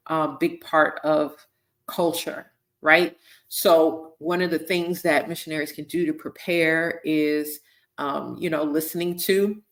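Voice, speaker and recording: A low-pitched woman hosts a live-streamed teaching talk. She keeps it conversational and often tags her sentences with "right?" or "okay?" to draw her listeners in. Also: fairly bright tone. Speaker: host, missions team leader.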